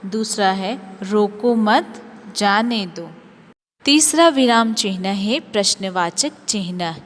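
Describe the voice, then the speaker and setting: A woman teacher talks through a grammar lesson at an unhurried pace, spelling out each point with care. Her voice trails off into a long reverb, and faint ambient noise sits under it. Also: medium pitch. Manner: slow, careful explaining, reads example sentences aloud.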